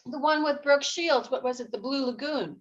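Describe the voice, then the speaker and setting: A woman's voice: sits high, moderate pace, muffled recording. A woman speaking hesitantly and reflectively in a casual group chat.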